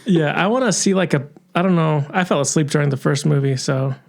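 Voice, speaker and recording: A man's voice: on the high side, a little fast, gravelly. A man co-hosting a podcast in casual chat, joking and teasing. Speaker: podcast co-host.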